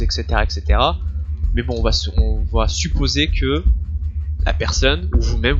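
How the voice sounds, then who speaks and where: A man walks through a software tutorial step by step, often restarting a phrase and filling pauses with small hesitations. The recording sounds a little dull, with soft music playing faintly underneath. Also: medium pitch. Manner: explains step by step with many restarts and fillers. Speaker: tutorial teacher. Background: soft background music.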